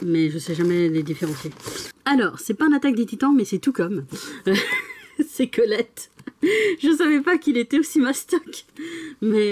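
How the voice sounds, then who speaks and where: A young adult woman chatting casually in a vlog, giggling often and getting excited as she talks about her day. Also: fairly low pitch. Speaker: vlogger.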